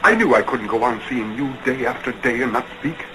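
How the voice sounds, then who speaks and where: A man's voice: mid-range voice, fairly quick, noisy background, lightly acted. A man playing an earnest, tormented lover in an early talkie film melodrama, speaking in a clipped, restrained way. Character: earnest, tormented man in love, about to leave. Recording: 1920s film soundtrack with loud music.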